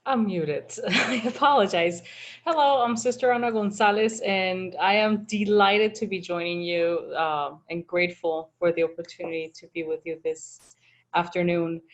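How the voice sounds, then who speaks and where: A woman's voice: lowish voice, fairly even intonation. A woman in her forties, a religious sister in formation, sharing a thoughtful personal reflection on a video call. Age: 40s. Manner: thoughtful, unhurried, earnest.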